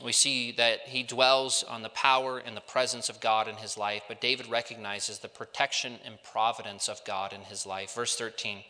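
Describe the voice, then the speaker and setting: A male pastor preaching earnestly to students, drawing out key phrases slowly for emphasis. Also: fairly low pitch, fairly even intonation, sharp tone. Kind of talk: sermon. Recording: long hall reverb.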